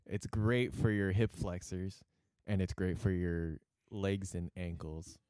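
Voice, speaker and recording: Slow-talking, playful young man. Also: sits low, steady tone, warm tone, clear, resonant tone, dry recording. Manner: laughs often, playful. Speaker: podcast co-host. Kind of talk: casual chat.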